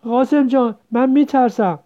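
A man's voice: high-pitched, expressive, warm tone, voice pushed up. A man voicing a frightened young village girl who pleads and stammers. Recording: dull lo-fi recording.

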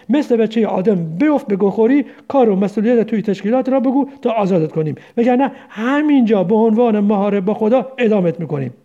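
A man voicing an angry male prison interrogator who shouts threats, in a storybook reading. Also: very high-pitched, highs cut off.

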